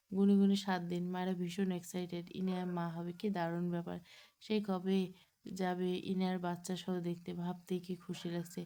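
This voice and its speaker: Flat-voiced woman narrating a romance. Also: lowish voice, smooth. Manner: reads all characters in one even voice. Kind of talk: scripted narration of a romance story.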